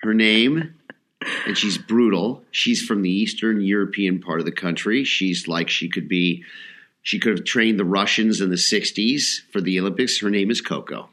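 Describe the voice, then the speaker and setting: A man's voice: lowish voice, moderate pace, fairly bright tone. An older man co-hosting a podcast, giving blunt, emphatic advice in casual chat. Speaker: podcast co-host.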